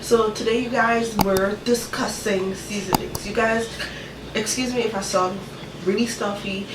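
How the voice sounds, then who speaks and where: A cooking channel host runs a casual vlog from her home kitchen, her voice stuffy and nasal because of a cold, and she keeps checking in with "you guys" and "okay." She's recorded from a distance in the echoey room with a clear hum of background noise. Her pitch is medium, her intonation fairly even, and her pace measured.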